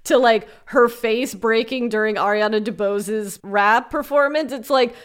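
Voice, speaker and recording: A woman's voice: fairly high pitch, unhurried, clean tone. A woman co-hosting a casual pop culture podcast, chatty and joking, laughing often. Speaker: podcast co-host. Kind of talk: casual chat.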